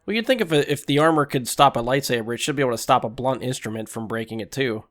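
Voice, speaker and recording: Male co-host, mid-pitched, casual and profane. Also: quick pace, a bit bright. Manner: loose, profane, laughs easily. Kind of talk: casual podcast chat.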